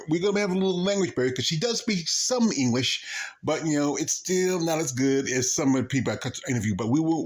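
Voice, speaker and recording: A man speaking as a YouTube host in a casual solo vlog, halting, with stammered repeats and broken-off words. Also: medium pitch. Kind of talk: casual vlog monologue announcing an interview.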